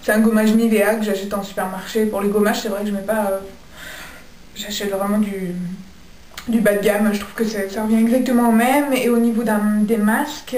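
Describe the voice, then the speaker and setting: A woman's voice: mid-range voice, a little mellow. A young woman casually reviewing her skincare products, chatty and full of hesitations. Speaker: beauty vlogger. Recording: echoey room, mic at a distance.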